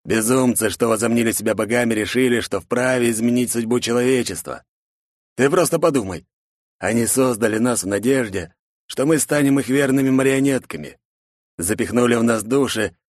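A man's voice: mid-range voice, brisk, dry recording, studio quality, pitched above the performer's own voice, lightly acted. A man voicing an arrogant, callous boss who drawls and lapses into pompous speeches. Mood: grandiose. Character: arrogant, callous male boss, grandiose and mocking. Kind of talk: audiobook character voice.

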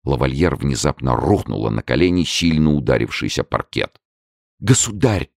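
A man narrating an audiobook of a classic novel in a dramatic, expressive way. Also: extremely low pitch, fairly quick, gravelly, no echo, studio quality.

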